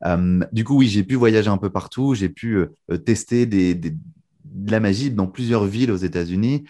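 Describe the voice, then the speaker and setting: A young man from France talks freely as a guest in an interview. His voice sits fairly low, and he drifts along with easy fillers and restarts. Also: normal speed. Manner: relaxed, many fillers and restarts. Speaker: guest magician. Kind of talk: casual interview chat.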